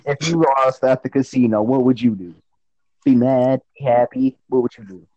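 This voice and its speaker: A young man in casual call chat with friends, playful and mocking, firing off quick jabs. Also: mid-range voice, mellow, no room sound, muffled recording. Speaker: podcast co-host.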